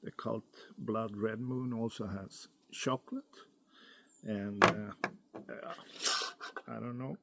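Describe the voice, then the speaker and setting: A man giving a casual, unscripted product review in a hesitant, halting way, as if thinking aloud. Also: lowish voice, steady tone, vocal fry, noisy background. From Europe. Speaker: pipe tobacco reviewer.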